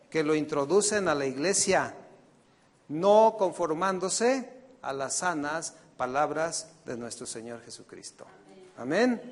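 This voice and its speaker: A man preaches a sermon with a fairly high voice, asking the congregation question after question. He speaks slowly and deliberately, swinging from loud emphatic peaks to quiet asides, and a long church reverb hangs on every word. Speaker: pastor.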